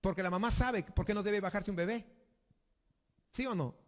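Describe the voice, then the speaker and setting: Male pastor, high voice, emphatic sermon delivery, long hall reverb. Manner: emphatic preaching, slows for reading scripture aloud.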